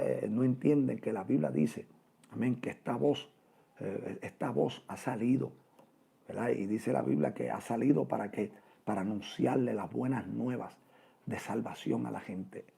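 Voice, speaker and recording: A man's gravelly, deeply husky voice, dark in tone, preaching a fervent radio sermon. He speaks, calling out "amén" and "gloria al Señor" between phrases. He addresses his listeners directly as "hermano".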